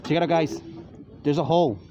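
A young adult man hosts his vlog outdoors by a lake, chatting casually to viewers with a phone held at arm's length. His voice is fairly high and fairly quick, and the noisy outdoor phone recording sounds muffled.

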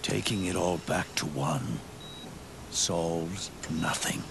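Orchestral music and some background noise accompany an older man heavily acting the part of a worn, scarred veteran soldier in a game cutscene. His voice is a deep, breathy, gravelly growl, and he speaks in a slow, halting, solemn way, grave, reflective and philosophical.

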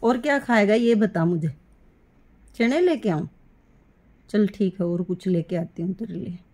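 A middle-aged woman talking baby talk to her pet rabbit, coaxing and doting in a sing-song way with soft laughs. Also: mid-range voice, measured pace. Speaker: pet vlogger caring for rescued animals.

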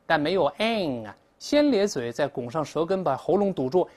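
A woman English teacher explains words in Mandarin in a classroom lesson style. Her pitch swings widely as she drills pronunciation, repeating words loudly for students to copy. She moves between brisk explanation and slow, careful example sentences. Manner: animated, drills pronunciation aloud with repetition.

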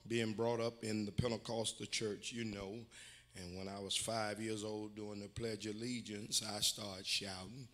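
A man's voice: on the low side, little pitch movement, measured pace, fairly bright tone. Older male preacher, folksy and emphatic. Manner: folksy preaching with constant amens, building to emphatic exhortation. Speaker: bishop and pastor. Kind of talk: sermon. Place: church sanctuary.

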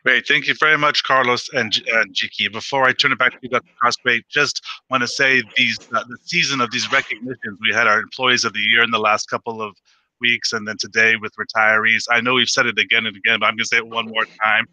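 Bright-toned man reading names on a headset. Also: medium pitch, fast talker, low-quality recording. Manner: steady, plain, listing names. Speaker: school district administrator. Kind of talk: formal ceremony remarks on a video call. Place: small office indoors.

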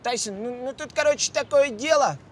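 A squeaky-high cartoon street hustler. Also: male voice, a little fast, a little hiss or hum. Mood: sheepish, wheedling. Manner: slangy, wheedling, mock-dignified. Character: wily young street hustler taxi driver, smooth-talking, chummy. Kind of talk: animated comedy dialogue.

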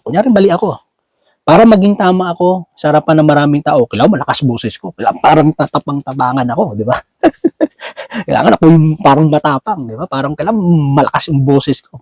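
A man's voice: fairly high pitch, dark tone, no echo, rough recording. A man preaching a Bible sermon in a casual, conversational way, often asking his listeners "right?", mixing in English words, and restarting as he searches for words. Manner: mixes English words into Tagalog.

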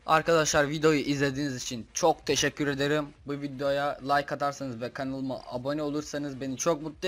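A young man giving casual gaming commentary, muttering to himself as he works through a puzzle and breaking into frustrated outbursts. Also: a little high. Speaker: gaming YouTuber. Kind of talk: casual Minecraft gameplay commentary.

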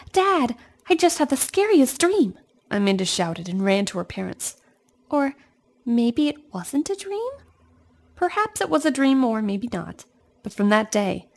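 A woman's voice: mid-range voice, very animated, moderate pace, vocal fry, a little mellow. Woman narrating a children's storybook. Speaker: storybook reader.

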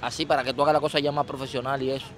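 A man's voice: mid-range voice, level tone, racing, a bit bright. A man with a Dominican accent, interviewing someone on the street in a playful, teasing way.

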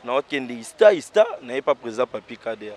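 A man, a stage comedian and actor telling his story in a casual interview. He talks in animated bursts, dropping to quiet asides and rising to loud exclaims. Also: medium pitch, moderate pace.

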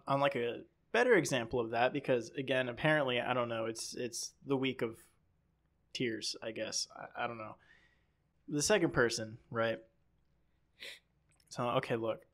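A man's voice: mid-range voice, a bit bright. A man co-hosting a podcast in casual chat, rambling and acting out quoted people as he tells stories. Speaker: podcast co-host.

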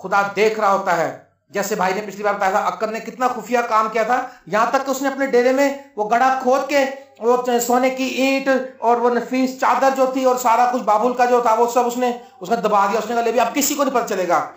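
A man's voice: very high voice, steady tone, few pauses, reverberant. A male pastor preaching a sermon, telling the story and acting out the dialogue. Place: church.

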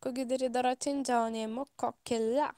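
A woman's voice: a little high, steady tone, moderate pace, mellow, in a large hall. A giggly young woman teasing a stranger over a video chat. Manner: giggly, mocking.

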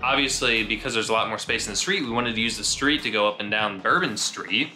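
Relaxed young man joking on camera. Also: lowish voice, a little fast, faint music behind, poor audio. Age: young adult. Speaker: vlogger co-host. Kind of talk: casual chat to camera. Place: bedroom, indoors. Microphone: camera held close at arm's length.

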